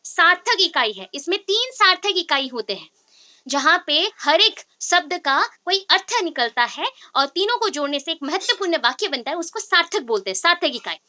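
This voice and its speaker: A woman's voice: high voice, sharp tone. A woman teacher giving a lecture, explaining step by step and quizzing her students with repeated questions. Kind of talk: classroom lecture.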